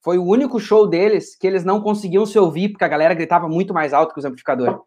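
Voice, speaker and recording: A man's voice: sits high, racing, darkish tone. A man from Brazil chatting casually on a podcast and telling stories about living abroad. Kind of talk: casual chat.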